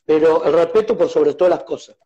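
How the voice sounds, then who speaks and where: Fields: Sex: man. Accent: Argentine Spanish. Role: musician guest. Style: casual radio interview. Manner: animated storyteller who acts out quarrels. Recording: muffled lo-fi radio studio audio. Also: fairly high pitch, brisk, crowd noise.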